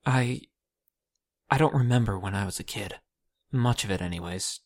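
Actor as a husky-voiced brooding mage in an audio drama. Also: male voice, on the low side, close to an everyday voice. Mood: halting. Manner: halting and defensive. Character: troubled, stubborn young male mage.

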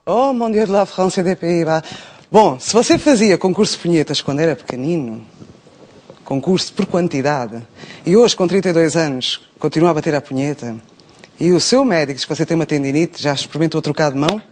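A man's voice: a little high, fairly quick, darkish tone, lightly acted. A man playing a blunt, mocking radio agony aunt. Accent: European Portuguese. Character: brash middle-aged agony aunt woman. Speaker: radio advice host. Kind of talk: comic radio phone-in.

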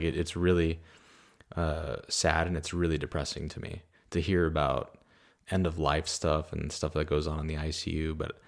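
A man who is a podcast guest, talking candidly in casual chat, with hesitant restarts. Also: a bass voice.

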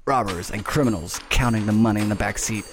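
A man's voice: fairly low pitch, quick pace, a crowd in the background. A man reading screenplay stage directions aloud in a breezy way, often breaking into laughter. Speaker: script reader.

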